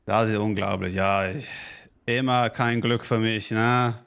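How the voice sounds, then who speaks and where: A man streaming a strategy game, chatting casually with viewers in halting, self-correcting speech and thanking subscribers. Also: fairly low pitch, steady tone, creaky, fairly bright tone, clean tone. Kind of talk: casual live-stream gaming chat.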